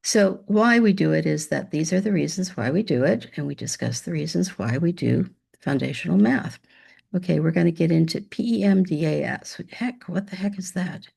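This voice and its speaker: A fairly low, gravelly woman's voice leads a demo math lesson over a video call. She keeps it upbeat and chatty, coaxing imagined students to join in. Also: moderate pace, darkish tone. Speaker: teacher.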